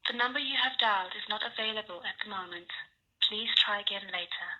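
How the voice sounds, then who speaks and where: A woman's voice in a recorded phone network announcement, with an even, formal and repetitive delivery. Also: mid-range voice, fast, highs cut off. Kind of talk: automated recorded message.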